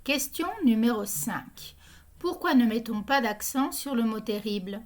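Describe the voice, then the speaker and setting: A woman hosting a language quiz, reading questions and answer options in a slow, even, scripted way. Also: fairly high pitch. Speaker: quiz host.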